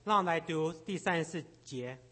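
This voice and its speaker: A man's voice: on the high side, brisk, a bit bright. A man interpreting a sermon phrase by phrase, often repeating words and hesitating as he searches for the right wording.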